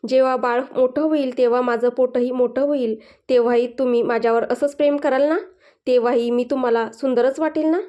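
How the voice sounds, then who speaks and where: A moody pregnant young wife from a storybook, whiny and quick to sulk. A woman puts her on with a high, pleading voice, pitched well above the narration. She sounds close to tears at every turn. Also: fairly even intonation, mellow, muffled recording, close to an everyday voice. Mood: wistful. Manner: sulky, whiny. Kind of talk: storybook dialogue reading.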